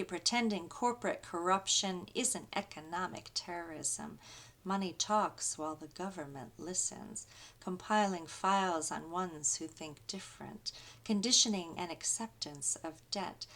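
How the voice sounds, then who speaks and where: Woman, pastor, sermon with poetry reading, very slow, lowish voice, rhythmic refrains. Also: fairly bright tone. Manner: slow, rhythmic, incantatory delivery with repeated refrains.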